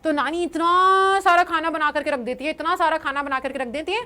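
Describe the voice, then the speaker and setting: A young Indian woman teaching English vocabulary in a lively online lesson, explaining in Hindi and reading English examples slowly. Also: high voice.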